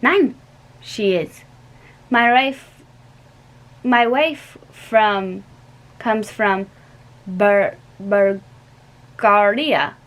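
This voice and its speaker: A young woman with a mid-range voice reads aloud very slowly, with long pauses, voicing a weary middle-aged male professor in a put-on German accent. She speaks emphatically and earnestly, recorded at close range on a webcam in a small bedroom.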